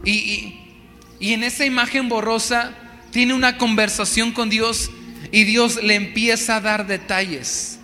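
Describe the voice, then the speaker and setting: A man's voice: high voice, level tone, a little slow, pushed and bright. A man preaching a sermon as a pastor, earnest and repetitive, asking his listeners rhetorical questions. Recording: long hall reverb with faint music.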